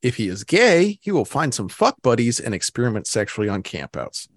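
A man's voice: medium pitch, very animated, a little fast, no room sound. A man co-hosting a casual chat, joking crudely and laughing often. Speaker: podcast co-host.

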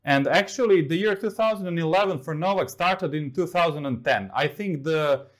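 A slightly high-voiced man from Serbia works as a sports journalist and shares hosting duties on a casual talk show. His delivery is careful and analytical, peppered with frequent filler words.

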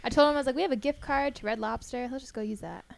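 A woman's voice: sits high, racing, creaky. A woman in her twenties teasing her partner on a casual podcast. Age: 20s. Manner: teasing, playful. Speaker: podcast guest. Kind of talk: casual chat.

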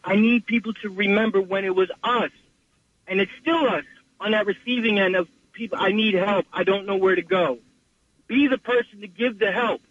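A man's voice: sits high, fairly even intonation, normal speed, a bit bright. A man calling in to a radio show over a phone line, ranting passionately and restarting often. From New York. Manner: impassioned, rambling rant with many restarts. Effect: caller heard over a phone line.

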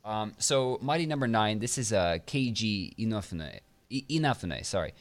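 Deep-ish guy ranting on a gaming podcast, swears a lot, voice swings all over. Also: lively intonation, normal speed. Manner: profane, ranting, sarcastic. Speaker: podcast co-host. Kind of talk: casual gaming podcast chat.

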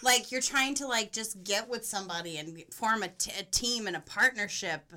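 A young woman co-hosting a podcast, chatting in a playful, animated way. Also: mid-range voice, normal speed. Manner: animated, playful, puts on silly voices. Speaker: podcast co-host. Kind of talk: casual chat.

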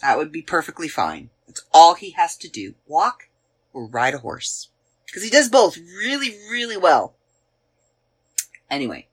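A woman's voice: sits low, sing-song, a little slow, husky. A Canadian woman in her forties with a Canadian accent, hosting a podcast and chatting casually about past episodes, rambling and searching aloud with many fillers. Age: 40s. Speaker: podcast host. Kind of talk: casual chat looking back on past episodes.

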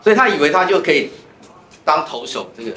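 This pastor's fairly high, sing-song voice has a sharp edge, and he speaks fast. He teaches a Bible class chattily, telling personal stories along the way. The recording comes from a church classroom that echoes, with faint noise underneath.

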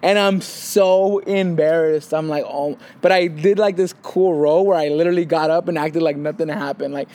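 Young man, podcast co-host, casual chat, animated storytelling, slightly higher voice. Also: fairly quick, few pauses. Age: young adult. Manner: animated storytelling, acts out quotes.

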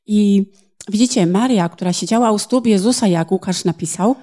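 Woman interpreter, sermon, mellow voice, plain delivery, small hesitations. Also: mid-range voice, normal speed.

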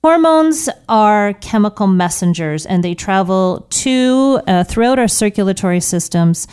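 A woman's voice: mid-range voice, animated, a little slow, a little mellow, smooth. A woman hosting a live morning radio health show from a studio, talking as a morning show host does.

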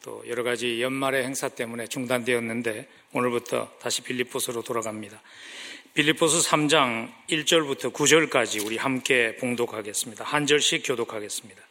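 Bright-voiced, earnest Korean pastor. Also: male voice, mid-range voice, fairly quick. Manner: earnest preaching, rising emphasis on key phrases. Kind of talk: sermon.

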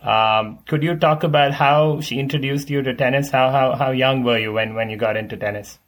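A man co-hosts a podcast and puts questions to his guest at a middling pitch. He stumbles through them, repeating words and filling gaps with uh. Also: a bit bright. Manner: halting, many fillers. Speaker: podcast co-host. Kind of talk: casual interview questions.

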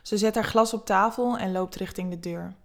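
A woman reads an erotic story in a soft, close, intimate voice. Her medium-pitched delivery is unhurried and even, and the tone stays gentle throughout.

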